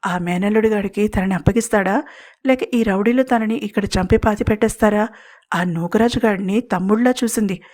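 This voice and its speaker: A woman storyteller reads a scripted family drama aloud. Her reading is steady and expressive, with a voice at an ordinary pitch for a woman. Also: fairly quick. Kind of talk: scripted audio story narration.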